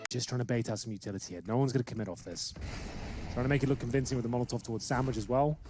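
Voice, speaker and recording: A man's voice: mid-range voice, rapid-fire, loud music behind the voice. A man giving live esports commentary as a caster. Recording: clear game noise with gunfire.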